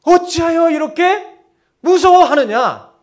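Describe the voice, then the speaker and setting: A stern male master's voice put on by a man, issuing slow, drawn-out commands at rising volume. Each word rings high and forceful, and the pitch swings widely between phrases. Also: big pitch swings, heavily acted. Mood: stern commanding. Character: commanding male teacher rebuking the storm and his followers.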